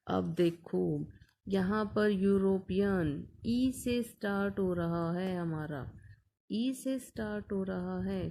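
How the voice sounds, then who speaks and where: A woman's voice: medium pitch, dark tone, a little hiss or hum. A woman teacher explaining an English grammar lesson patiently, asking questions and answering them herself.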